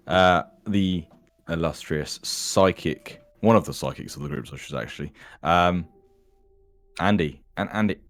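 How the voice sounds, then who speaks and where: A man's voice: deep voice, fairly bright tone. A man hosting a tabletop role-playing session as dungeon master, introducing the players in a chatty, laid-back way. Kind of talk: casual tabletop game introduction.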